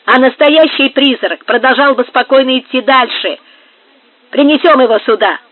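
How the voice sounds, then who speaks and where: A reader voicing a coarse, fearless male soldier who talks loudly and mockingly in an audiobook. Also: high voice, normal speed, voice pushed up. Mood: scornful. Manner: loud, blustering, mocking. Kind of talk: audiobook character voice. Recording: tinny phone-like sound.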